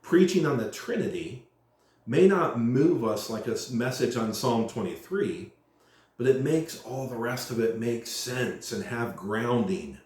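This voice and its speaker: A male pastor speaking earnestly in a teaching way, slowing down to stress long lists. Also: mid-range voice, expressive, a little mellow. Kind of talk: church announcement talk, sermon-like. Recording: very echoey room.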